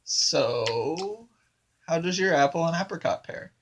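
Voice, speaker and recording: A man in a comedy duo, delivering pun punchlines in a dry, deadpan way. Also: fairly high pitch, fairly quick, vocal fry. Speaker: comedy performer. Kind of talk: deadpan comic banter.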